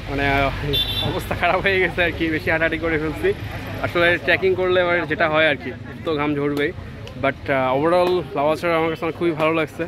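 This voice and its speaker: A man from Bangladesh narrating a casual travel vlog as he walks outdoors on rural trails, chatting and mixing in English words. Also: on the high side. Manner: chatty, relaxed commentary mixed with English words. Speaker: travel vlogger. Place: outdoors on rural trails, village and tea garden.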